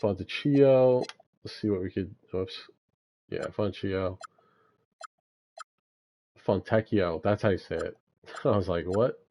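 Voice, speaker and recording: A man's voice: sits low, steady tone, normal speed, gravelly, long pauses, lo-fi sound, slight background noise. A young man giving laid-back gameplay commentary, thinking aloud with frequent fillers as he manages a basketball franchise. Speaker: gaming YouTuber.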